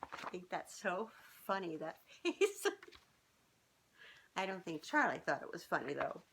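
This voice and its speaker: Her voice is on the low side and creaky, and she reads a little slowly, with slight background noise. She's a woman in her fifties sharing a children's storybook in an expressive, informal way, often stopping for chatty asides to the young audience. She's indoors on a living room sofa, with a camera a short way off.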